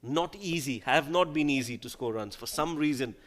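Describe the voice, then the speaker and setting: A man's voice: on the high side, moderate pace, fairly bright tone. A man giving live cricket commentary in a conversational way, putting questions to his co-commentator.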